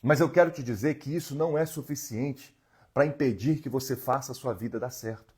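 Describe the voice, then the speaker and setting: A man's voice: mid-range voice, fairly quick, a little mellow, slightly rough. A man. He is an emotional healing therapist who talks earnestly and directly to viewers on a live stream from his home. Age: 40s. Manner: earnest, coaching, talks straight to the audience and reads their comments.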